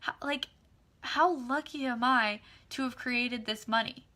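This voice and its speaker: A woman with a bright, ringing voice that sits a little high, chatting on a live video stream. She gushes with excitement and leans on fillers as she goes. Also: measured pace. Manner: excited, gushing, many fillers. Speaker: online class facilitator. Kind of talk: casual live video talk.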